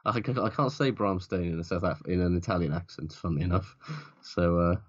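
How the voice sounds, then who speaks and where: A podcast co-host with a very deep voice talks casual sports at a moderate pace, blunt and sweary as he rambles through his points. The recording sounds dull and lo-fi.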